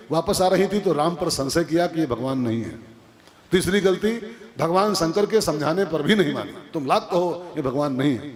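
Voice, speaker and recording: A man giving a devotional storytelling sermon to an audience, lively and repetitive, asking rhetorical questions. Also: fairly high pitch. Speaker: kathavachak preacher.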